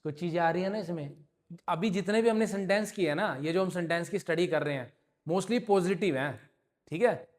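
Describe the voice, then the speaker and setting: A man's voice: high voice, brisk. A man teaching an English grammar lesson to a class, explaining patiently and often checking that students follow. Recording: long reverb in a hall.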